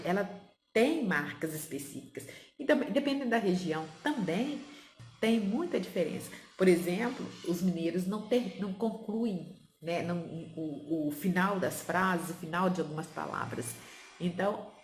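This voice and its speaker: A woman teacher explaining a lesson, asking questions and answering them herself. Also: fairly low pitch. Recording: echoey room with faint background noise.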